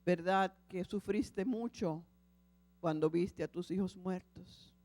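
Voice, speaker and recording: A woman preacher voicing the Lord, speaking softly and slowly as He gently pleads with a grieving man. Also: on the low side. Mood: gently pleading. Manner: soft, slow, imploring. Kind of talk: sermon storytelling.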